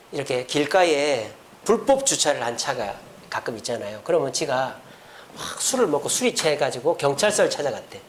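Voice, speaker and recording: A man's voice: mid-range voice, slight background noise. A man preaching a sermon as pastor, telling a story with acted quotes in a church. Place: church sanctuary.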